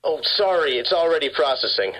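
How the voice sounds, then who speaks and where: A man's voice: fairly high pitch, animated, a little fast, a bit bright. Garbled man on a breaking-up phone line. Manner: scripted, repetitive sales-call delivery. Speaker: prank caller posing as phone company.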